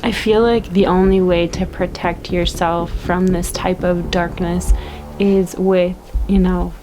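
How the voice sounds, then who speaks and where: A young woman on a ghost-hunting vlog in a dark old inn, nervous and often talking in a hushed voice. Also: lowish voice, level tone, a little slow, background noise. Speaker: paranormal investigator. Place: old haunted inn, dark rooms indoors. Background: eerie music.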